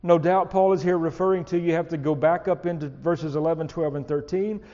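A man preaching an expository sermon, slow and emphatic, rising on key words. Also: on the high side, fairly even intonation, dark tone, in a large hall, lo-fi sound.

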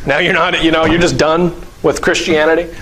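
Man preacher, high-pitched, chatty delivery with frequent fillers. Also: normal speed, a little hiss or hum, low-quality recording. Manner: acts out scenes with lively voices and laughs; conversational, uses many fillers. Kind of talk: sermon.

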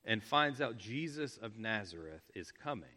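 A man preaching a sermon, explaining scripture with emphatic repetition, at times dropping to a hush. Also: on the low side, animated, moderate pace. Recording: long reverb of a large hall.

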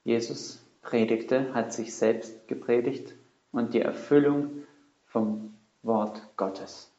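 A man's voice: medium pitch, fairly even intonation, slow pace, mellow. Earnest male preacher in a roomy space. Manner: earnest, emphatic, with rhetorical questions and repetition. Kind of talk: sermon. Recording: roomy, dull lo-fi sound.

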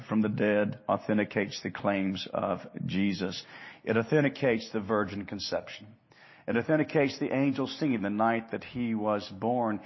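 Here a man gives an earnest, emphatic expository sermon, alternating hushed and loud delivery and using rhetorical questions and repeated phrases. The voice sits lowish and is slightly rough, and the sound quality is lo-fi.

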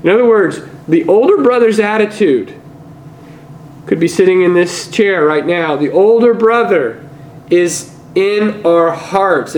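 A man preaching a sermon in a church, earnest, slowing on key words and firing off rhetorical questions. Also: fairly high pitch, slight background noise, low-quality recording. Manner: slows and stresses key words. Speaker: pastor.

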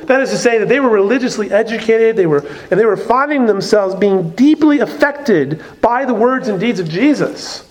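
A man's voice: sits high, expressive, moderate pace, few pauses. A man preaching a sermon as a pastor, in a conversational way with frequent asides.

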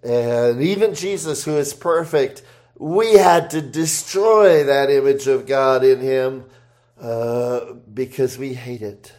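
Slow, deliberate male preacher. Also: medium pitch. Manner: reads scripture aloud, rising for quoted shouts; slow, deliberate delivery with pauses and fillers. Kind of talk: sermon.

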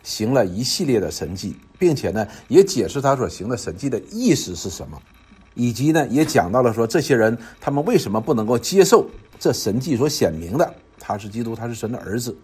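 Husky man leading a Bible study. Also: mid-range voice, sing-song, fairly quick, a little mellow. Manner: explanatory, many filler particles, repeats phrases.

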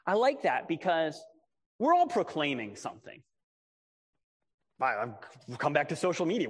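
In a large reverberant hall, a man preaches a casual, self-deprecating sermon in a conversational style, frequently asking rhetorical questions. His big voice projects and sits high, with a slightly rough edge.

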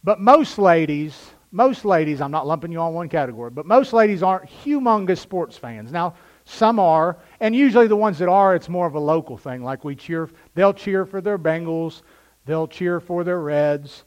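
A male pastor preaching a sermon, swinging from loud bursts to quiet asides. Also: a little high, animated, normal speed.

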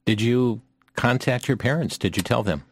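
A man's voice: mid-range voice, moderate pace, dry recording. A man interviewing a guest, asking short questions and adding brief, encouraging prompts.

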